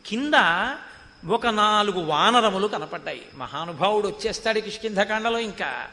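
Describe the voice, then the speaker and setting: A male preacher tells an epic story in a devotional discourse, chanting verses and then explaining each one. His voice is high and piercingly bright. A long hall reverb trails his words. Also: lively intonation, normal speed. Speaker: religious discourse speaker.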